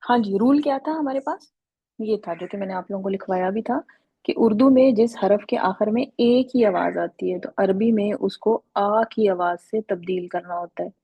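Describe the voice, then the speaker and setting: A woman's voice: mid-range voice, moderate pace, breathy edge, dry recording, muffled recording. A woman teaching an Arabic grammar lesson online over a video call, patiently calling on students by name.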